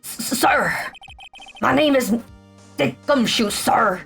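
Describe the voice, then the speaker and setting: A woman's voice: a little high, lively intonation, slow, gravelly, a bit bright, faint music behind, full character voice. A woman voicing a bumbling male police detective in a game, answering in clipped, soldier-like replies. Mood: dutiful.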